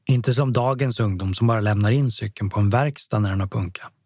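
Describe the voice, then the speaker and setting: Man playing a smug lecturing dad, boastful, husky voice, dry close sound. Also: fairly low pitch, darkish tone, dry recording. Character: smug middle-aged father showing off.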